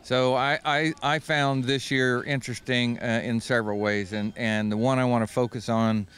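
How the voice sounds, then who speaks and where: A man's voice: medium pitch, fairly even intonation, moderate pace, fairly bright tone, clean tone. A man with a folksy, plain-spoken way, chatting casually as the host of a local community interview program.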